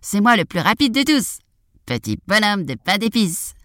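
A man's voice: sits high, very animated, moderate pace, sharp tone, dry recording, pitched above the performer's own voice, exaggerated voice. A cheeky little gingerbread man, as a woman reader puts him on in a raised, bouncing voice. He boasts and taunts in a sing-song lilt that swings widely up and down, close and dry. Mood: boastful taunting.

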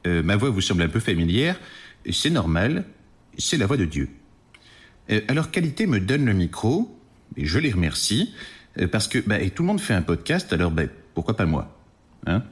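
A man's voice: lowish voice, sing-song, normal speed, pauses often. An actor playing God as a chatty, casual male deity in an audio fiction, talking offhandedly with fillers.

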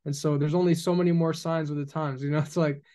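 A man's voice: fairly high pitch, flat delivery, fast talker, mellow. Earnest young man preaching on a podcast. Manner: earnest and preachy, acts out mock dialogues. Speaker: podcast guest. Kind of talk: casual podcast conversation about faith.

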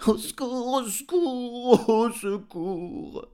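A man's voice: very slow, a little mellow, smooth, full character voice. A man voicing a frightened, cheeky male farm dog who wails for help, reading a storybook aloud. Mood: panicked. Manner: shrill, wailing cries for help.

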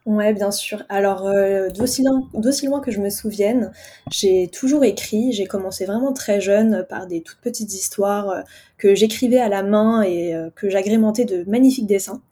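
A woman's voice: medium pitch, normal speed, warm tone, slightly rough. A woman in her twenties from France, answering interview questions in a friendly way with hesitant fillers. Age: 20s. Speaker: author guest.

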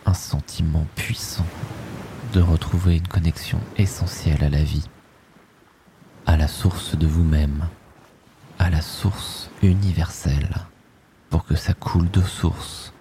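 A man with a low, gravelly voice guides a sleep meditation. His delivery is soft and soothing, drifting in short phrases at a very unhurried pace and often sinking toward a breathy whisper. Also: fairly even intonation, a little hiss or hum.

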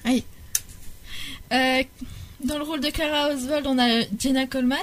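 A woman's voice: high voice, fairly even intonation, normal speed. A young woman presenting a podcast segment in casual chat, hesitant, with many restarts and fillers. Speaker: podcast columnist.

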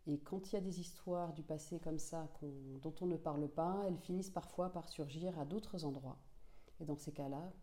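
A woman in her forties, raised in Finland and Senegal, answering interview questions thoughtfully with frequent pauses and restarts. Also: low voice, mellow. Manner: thoughtful, many hesitations and restarts. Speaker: author being interviewed.

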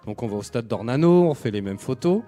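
A man's voice: medium pitch, animated, a little fast, mellow, faint music behind. A man casually telling a road trip story in slangy chat, acting out the people he met.

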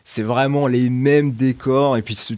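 A man talks through a film review in a loose, conversational way, often stopping, restarting and filling pauses. His voice sits at an ordinary middle pitch for a man. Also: steady tone, darkish tone. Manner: chatty, hesitant, many restarts and fillers. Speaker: film critic. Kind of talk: casual round-table film review.

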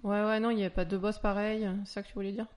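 A woman co-hosting a casual gaming podcast, asking quick questions and giving short replies. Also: medium pitch, little pitch movement, a little mellow, a little hiss or hum. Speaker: podcast co-host.

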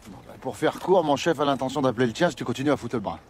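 An actor playing a nervous French customs officer who tries to calm a hostile neighbor with jokes and pleading. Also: male voice, mid-range voice, very fast, background noise, lightly acted. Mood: placating. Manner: placating, wheedling, jokey. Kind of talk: film dialogue.

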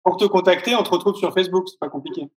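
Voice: medium pitch, racing, echoey room. An interview host giving brief, friendly prompts and questions in a casual podcast chat.

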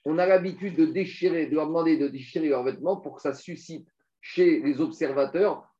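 Animated man teaching a Talmud class. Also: fairly high pitch, a little fast. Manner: explains step by step, rhetorical questions, animated. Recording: dull lo-fi recording.

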